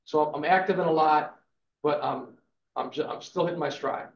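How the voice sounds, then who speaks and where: Fifties guy pumping up a class, kinda high voice, echoey room, muffled lo-fi sound. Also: moderate pace, creaky, slight background noise. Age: 50s. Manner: emphatic, motivational, peppers talk with "okay". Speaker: real estate instructor. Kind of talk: live class lecture.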